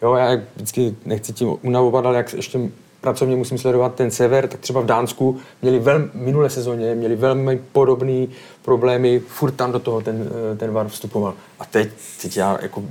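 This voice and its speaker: A man with a mid-pitched voice acts as a pundit in a casual football discussion. He explains his points at length and keeps checking in with the others. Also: level tone, a little mellow.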